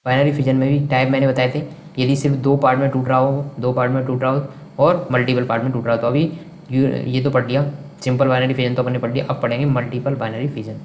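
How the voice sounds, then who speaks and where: Male teacher, brisk classroom lecture style, repeats key terms; recorded in a reverberant room. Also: mid-range voice, level tone, a little mellow. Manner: asks and answers own questions, repeats key terms. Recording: echoey room with faint background noise.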